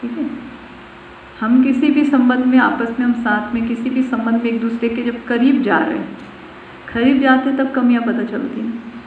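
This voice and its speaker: A woman's voice: on the high side, fairly even intonation, moderate pace, slight background noise. A woman spiritual teacher giving a devotional discourse, repeating phrases and putting questions to her listeners. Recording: far-off voice in an echoey room on a tinny phone-like line.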